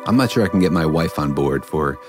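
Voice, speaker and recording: A man's voice: a bass voice, lively intonation, brisk, music in the background. A man co-hosting a podcast in casual, conversational science chat. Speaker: podcast host.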